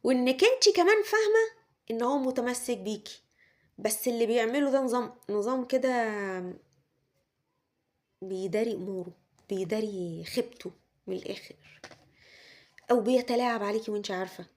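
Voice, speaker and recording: A fairly high-voiced woman with an Egyptian accent reads tarot cards, talking straight to the listener. She circles back over the same points again and again. She slips into quick acted snippets of what other people say. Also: lively intonation. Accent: Egyptian Arabic. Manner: repetitive, speaks straight to the listener, acts out quoted lines. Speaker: tarot reader. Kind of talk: tarot reading monologue to the viewer.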